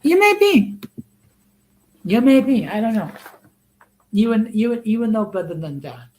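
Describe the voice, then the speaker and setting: Slow-talking man in his sixties. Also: high-pitched, sing-song, low-quality recording. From United States. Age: 60s. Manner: conversational, checks in with frequent "okay?". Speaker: host. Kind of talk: casual live-stream talk.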